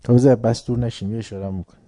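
A man's voice: medium pitch, fairly even intonation, warm tone. A man giving a philosophy lecture, emphatic, asking the audience rhetorical questions and urging them to pay attention.

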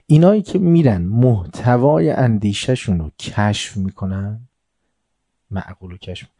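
A man giving a religious lecture to a seated audience. He tells stories with quoted dialogue and recited Arabic, swinging from soft asides to emphatic points. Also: lowish voice, expressive, no echo, studio quality. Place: room before a seated audience.

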